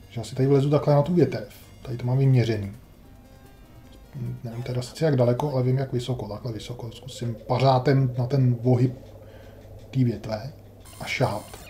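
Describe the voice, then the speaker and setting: A man's voice: medium pitch, mellow. A man casually commenting on his own retro game playthrough, wry and grumbling, talking to himself as he plays. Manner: wry, grumbling, talks to himself while playing. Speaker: gameplay commentator. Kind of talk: casual let's-play commentary.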